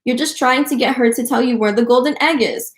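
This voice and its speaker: A woman voicing a pushy, eager little girl from a storybook who talks loudly and eagerly. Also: fairly high pitch, fairly quick, close to an everyday voice. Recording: roomy echo.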